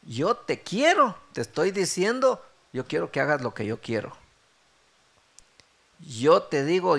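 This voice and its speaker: Gravelly, lively male pastor preaching. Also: high-pitched. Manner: animated preaching, acts out dialogue. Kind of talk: sermon.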